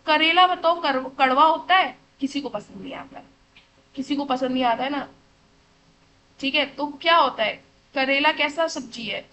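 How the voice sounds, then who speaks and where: Slight background noise marks this rough recording of a woman teaching children at a moderate pace, her high-pitched voice pushed and bright. Asking questions and supplying the answers herself, she affectionately calls them "beta" and repeatedly asks "theek hai" to make sure they follow.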